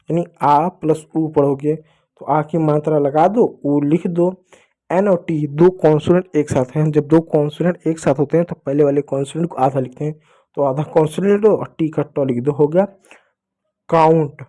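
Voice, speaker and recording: Man, teacher, mellow slightly high voice, patient, spells words letter by letter, call-and-response lesson. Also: fairly even intonation, moderate pace, rough recording. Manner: patient, repeating questions and answers in a call-and-response way. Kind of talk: Hindi phonics lesson for children.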